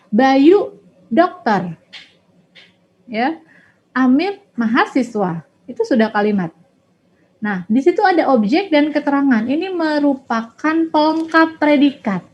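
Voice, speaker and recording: A woman teacher explaining grammar in a lesson, with a patient, explanatory manner. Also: sits high. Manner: explanatory, frequent "nah" and "ya". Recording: dull lo-fi audio.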